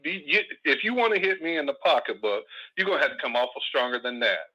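A man's voice: mid-range voice, animated, fast, sharp tone. A man calling in over the phone to a talk radio show, arguing bluntly with rhetorical questions. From Oakland, California. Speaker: caller. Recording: muffled phone line.

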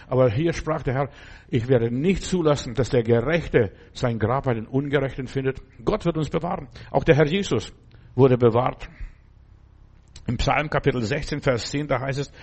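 A man's voice: medium pitch, a little mellow, husky. A man preaching a sermon who addresses listeners directly and often checks with them, acting out cries for help in a raised voice.

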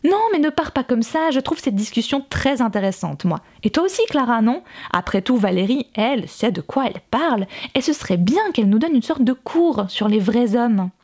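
A woman voicing a fierce young woman who speaks loudly and with biting sarcasm to defend her friend. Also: fairly high pitch, expressive, normal speed, few pauses. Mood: sarcastic. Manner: cutting, loud and sarcastic.

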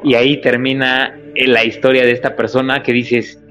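A man with a Mexican accent, a radio host telling an anecdote in casual, animated chat. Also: medium pitch, moderate pace, soft background music. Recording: slightly muffled radio recording.

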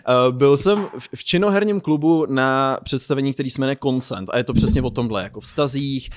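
A man hosting a casual podcast chat, who thinks aloud and gives long, reflective explanations. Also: mid-range voice.

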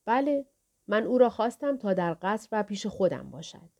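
A woman voicing an aging male king who speaks in a measured, formal and calculating way. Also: medium pitch, animated, mellow, lightly acted. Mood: composed. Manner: measured, formal royal speech.

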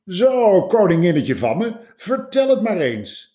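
A man's voice: sits high, big pitch swings, a little slow, warm tone, pitched above the performer's own voice. A man voicing a jovial, overconfident male scholar who talks down to the queen. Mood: patronizing. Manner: chummy, patronizing.

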